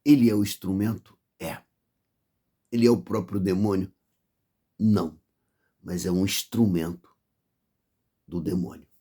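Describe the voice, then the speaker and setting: Low husky Brazilian preacher. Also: male voice, steady tone, a little slow, long pauses, warm tone. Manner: fervent, warning, piles up repeated phrases. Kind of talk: sermon.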